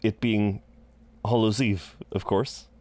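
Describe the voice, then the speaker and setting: A man's voice: lowish voice, steady tone, slow, darkish tone. A man playing a flirtatious, chatty incubus innkeeper in a roleplay audio drama, welcoming and rambling with hesitant asides. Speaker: innkeeper at a front desk.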